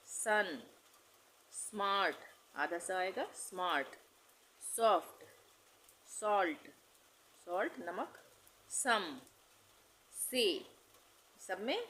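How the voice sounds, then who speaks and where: A woman's voice: medium pitch, fairly bright tone, slight background noise, poor audio. A woman teaching English pronunciation in Hindi, patiently repeating each rule and spelling words out letter by letter. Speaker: language teacher.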